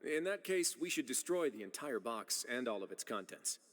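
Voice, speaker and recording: A man playing a composed, dryly polite official who speaks in a measured, formal way. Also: medium pitch, big pitch swings, fairly bright tone.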